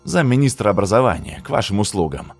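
A man voicing a loud, coarse woman over fifty who is brash and rude. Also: fairly low pitch, lively intonation, quick pace, gravelly, breathy edge, faint music behind, full character voice.

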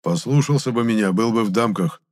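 A man's voice: fairly low pitch, animated, brisk, darkish tone, lightly acted. A man voicing a burly, scornful male sorcerer with a hissing, sneering delivery.

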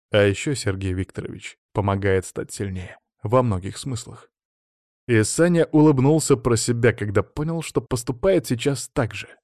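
A man reading fantasy-adventure narration in a steady, even storytelling manner. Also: on the low side, no echo, clean studio sound. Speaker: audiobook narrator. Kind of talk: scripted narration.

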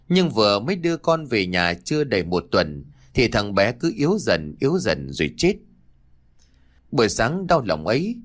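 A man narrating a ghost story with slow, dramatic pacing. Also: lowish voice.

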